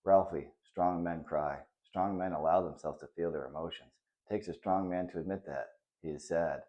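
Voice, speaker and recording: A man reading the part of a kind, patient father who talks softly and reassuringly to his son in a children's story. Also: sits low, moderate pace, dull audio, natural voice. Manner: soft and reassuring.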